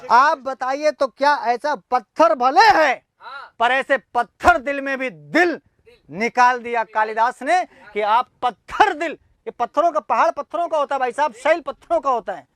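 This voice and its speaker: A man's voice: extremely high pitch, moderate pace, a bit bright. A man teaching a class, lecturing emphatically with many rhetorical questions, in a classroom with students. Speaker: Sanskrit teacher.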